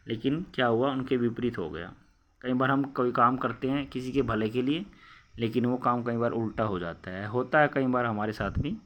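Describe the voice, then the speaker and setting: A man's voice: medium pitch, fairly bright tone. A man teaching schoolchildren, reading a story line by line and explaining each part again in simple words. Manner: reads a line, then re-explains it in simple words with many fillers. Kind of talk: explaining a story lesson to children.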